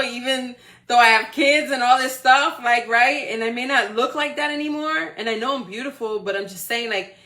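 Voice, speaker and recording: In her forties, a motivational speaker with a fairly high, sharp voice gives an encouraging talk on a live stream. She checks in with listeners constantly, asking "okay?" and "right?"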